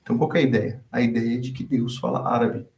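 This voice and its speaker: A man from Brazil speaks in a relaxed, conversational teaching style. He tells anecdotes and acts out the voices of the people in them. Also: mid-range voice, quick pace, vocal fry. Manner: storytelling, acts out quoted dialogue. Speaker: guest speaker on theology.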